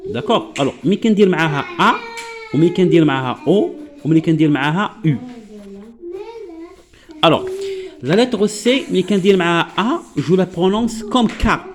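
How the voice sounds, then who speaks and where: A man with a Moroccan Arabic accent teaching French pronunciation. He explains patiently, often checks that listeners follow, and says example words slowly. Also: high-pitched, lively intonation. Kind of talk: classroom-style lesson explanation.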